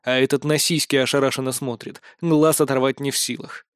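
A man narrating a fantasy audiobook in the first person, with a lively, expressive reading on a close mic. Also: medium pitch, brisk, clear, resonant tone, no echo.

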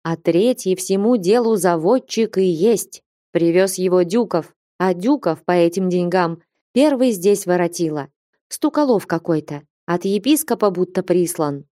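A woman's voice: lowish voice, animated, a little slow, dark tone, no room sound, studio quality. A woman voicing a humble, anxious old nun treasurer in an audiobook, pleading and lamenting. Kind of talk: audiobook character reading.

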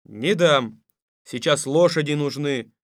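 An actor playing a stern, weary fairy-tale tsar in an audiobook radio play, speaking gruffly and with command. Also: male voice, on the high side, takes it slowly, dry recording, clean studio sound.

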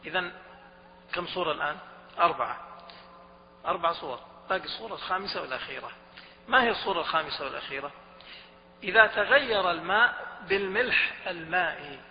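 A man's voice: fairly high pitch, expressive, fast talker, long pauses. A man giving a lecture on Islamic jurisprudence, who quizzes the students often and repeats his points. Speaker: religious studies teacher. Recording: dull recording with a long hall reverb and faint hum.

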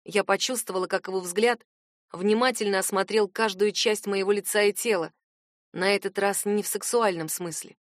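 A woman reading a novel aloud in first person as an audiobook narrator, with measured, wry storytelling. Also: medium pitch, fairly even intonation, dry recording, studio quality.

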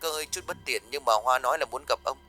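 A man voicing an apologetic caller who speaks quickly and softly in a ghost story. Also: medium pitch, faint music behind, voice pushed up. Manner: hurried, apologetic. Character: apologetic man calling on the phone.

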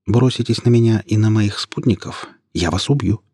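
A man voicing a young woman, a budding witch, speaking calmly, coldly and firmly in an audiobook. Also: lowish voice, moderate pace, breathy edge, dry recording, clean studio sound. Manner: calm, cold and firm.

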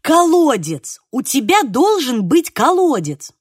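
A stubborn older woman presses her point with emphatic insistence in an audiobook, as a woman reader puts her on. The voice sits high and swings widely, recorded dry and close. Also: big pitch swings, normal speed, dry recording. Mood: insistent. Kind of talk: audiobook reading.

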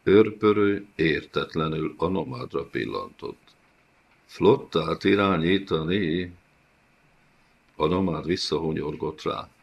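A man with a very low voice reads a fantasy audiobook. His narration is measured and calm, in a steady scripted delivery. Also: creaky.

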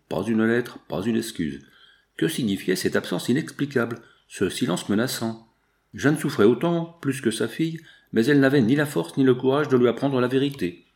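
Brief: male audiobook narrator, mid pitch, measured and dramatic literary reading. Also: darkish tone.

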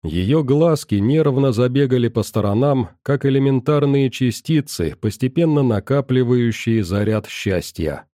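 A man narrating a first-person audiobook in a calm, even storytelling manner. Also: medium pitch, a little slow, hardly any pauses, dry recording, studio quality.

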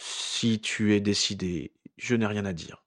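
A man's voice: medium pitch, very animated, normal speed, husky, dry recording, clean studio sound. A man voicing a flustered, hurt young wizard who stammers and hesitates. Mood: pleading.

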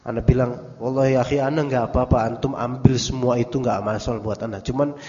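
Indonesian preacher in an echoing hall. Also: male voice, medium pitch, fairly even intonation, fairly quick, warm tone, muffled recording. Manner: conversational, storytelling with quoted dialogue and Arabic phrases. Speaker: religious teacher. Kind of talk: Islamic study lecture.

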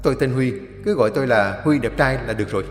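A man's voice: medium pitch, quick pace, reverberant, long reverb tail, soft background music, close to an everyday voice. A man voicing a brash, boastful young male spirit from the underworld in a ghost story. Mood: cocky.

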